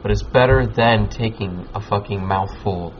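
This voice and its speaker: A man with a fairly low voice talks like a laid-back stoner, rambling in loose slang and swearing freely. He hosts in a casual chatting style. The recording is a bit dull, with faint noise behind him. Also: normal speed. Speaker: podcast host. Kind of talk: casual chat, giving advice. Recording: muffled lo-fi with background noise.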